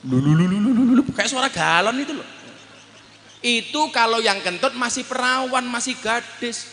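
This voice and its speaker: Man, high bright voice, comedic sermon, shouted punchlines, long hall reverb. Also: normal speed, slight background noise. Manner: animated, jokey, shouts punchlines, makes sound effects. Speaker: preacher.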